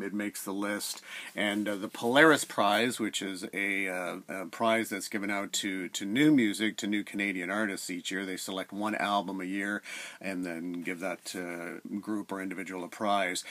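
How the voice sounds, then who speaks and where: Middle-aged guy, lowish voice, rambly casual record chat at home, lots of uhs, right up on the camera. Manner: relaxed, rambling, many "uh" fillers. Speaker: record collector vlogger. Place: home room with shelves of records. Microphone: camera at close range.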